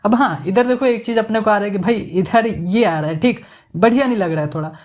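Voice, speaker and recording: A man giving a casual, joking software tutorial, mixing English words into his Hindi as he works. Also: high-pitched, brisk. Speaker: animation tutorial instructor.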